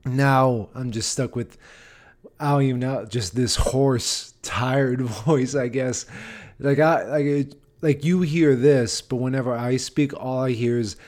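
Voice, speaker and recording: An American stand-up comedian hosts a solo podcast, chatting informally in a rambling, self-deprecating way. His mid-range voice has a darkish tone, and he speaks slowly.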